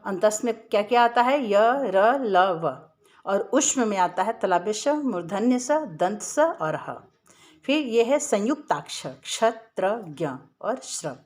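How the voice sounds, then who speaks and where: A woman's voice: mid-range voice, lively intonation, slow pace, darkish tone. Patient woman teaching a grammar lesson. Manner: patient, explains step by step, often asks "है ना?".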